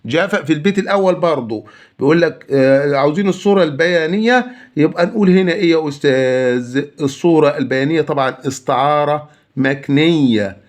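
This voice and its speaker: Egyptian male teacher, slightly higher voice, briskly answers his own exam questions. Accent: Egyptian Arabic. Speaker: Arabic teacher. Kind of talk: exam answer walkthrough lesson.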